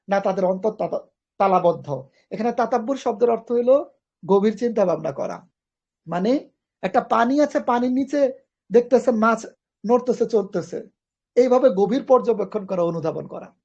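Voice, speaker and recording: A woman from Bangladesh with a slightly high, darkish voice teaches an online grammar class. She explains step by step, repeats key phrases, and mixes in English grammar terms, all on a dull lo-fi recording.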